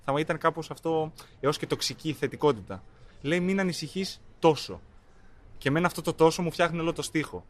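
Sex: man. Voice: fairly high. Style: reflective, relaxed chat. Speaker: poet guest. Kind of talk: casual reflective talk.

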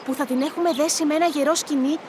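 A woman's voice: sits high, steady tone, noisy background, close to an everyday voice. A woman voicing a bold, clever young village girl who leads her friends in a children's radio drama, talking eagerly and persuasively. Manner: eager, persuasive, quick-witted.

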